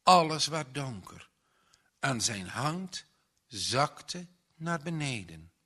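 A man reading a children's story aloud, slow and dramatic, with tense pauses. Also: mid-range voice, sing-song, bright, forceful tone, husky. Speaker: narrator. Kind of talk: storybook narration.

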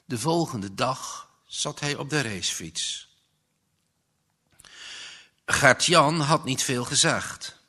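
A man reading a story aloud as narrator, in slow, measured storytelling. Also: mid-range voice, lively intonation, pushed and bright. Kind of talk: audiobook reading.

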